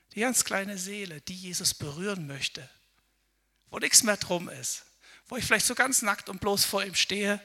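A man's voice: high-pitched, bright, forceful tone, husky. A man preaching a sermon in a chatty, conversational way, often tagging his sentences with a questioning "ne" and acting out people's inner voices. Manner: conversational, frequent tag "ne?", acts out inner voices. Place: church service.

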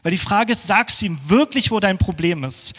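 A man delivers a sermon, his voice sitting a little high for a man. He builds into fervent passages, then drops low and hushed as if praying. A long reverb from the church hall trails after his words. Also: expressive, normal speed. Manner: swings between rising fervent passages and hushed, low prayerful ones. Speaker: preacher.

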